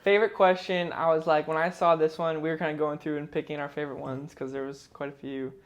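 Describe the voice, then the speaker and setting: Brief: young male podcast co-host, higher-pitched, jokey and teasing, slangy. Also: level tone, quick pace. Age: 20s. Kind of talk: casual chat. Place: indoor room, filmed by a cameraman.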